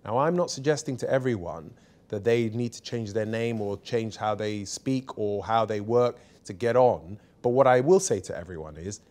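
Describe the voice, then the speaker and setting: Interview guest, man, 40s, lowish voice, frank and forceful, small studio, lapel mic. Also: moderate pace. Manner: emphatic, candid, lively anecdotes. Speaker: barrister and author, interview guest. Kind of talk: seated conversational interview. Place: small bright studio set.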